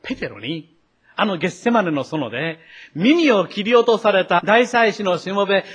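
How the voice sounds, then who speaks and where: A middle-aged man preaches a sermon with a slightly husky voice that sits a little high. He voices the quoted lines loudly and with force, then falls to a near hush to speak straight to the congregation. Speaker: pastor.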